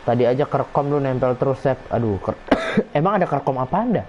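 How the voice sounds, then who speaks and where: A gaming streamer plays a football video game live, reacting to plays and chatting with viewers as he reads their comments. He's a fast talker with an expressive, slightly mellow, mid-range voice, and the stream audio is dull and lo-fi with faint noise.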